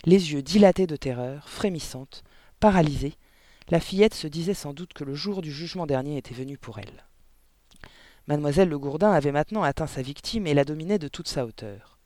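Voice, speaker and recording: A man reading a children's novel aloud with lively, dramatic storytelling. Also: on the high side, a little fast, no echo. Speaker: audiobook narrator. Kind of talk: expressive audiobook narration.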